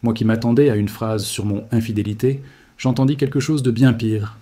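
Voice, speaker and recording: Solemn husky man narrating a confession. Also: mid-range voice, fairly even intonation, brisk, warm tone. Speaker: narrator of a religious testimony. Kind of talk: scripted first-person narration.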